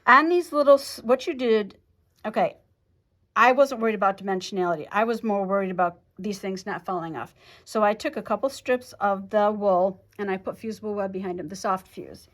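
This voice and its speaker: A woman giving a casual show-and-tell tutorial on her quilting projects, chatty, talking fast and a lot with frequent restarts. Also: medium pitch, fairly bright tone. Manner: chatty, talks fast and a lot, self-interrupting. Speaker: quilt shop co-owner showing projects.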